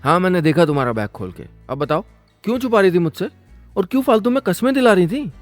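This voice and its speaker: An exasperated young boyfriend, mildly irritated and pleading, with a lively, rising voice, as a male storyteller plays him. The sound is close and dry, with a faint guitar bed in a radio story. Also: sits high, quick pace, dry recording.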